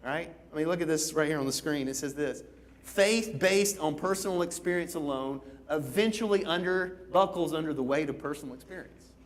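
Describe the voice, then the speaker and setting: A man's voice: a little high, brisk. A man preaching a conversational sermon as pastor, casual and engaging, often checking in with his listeners.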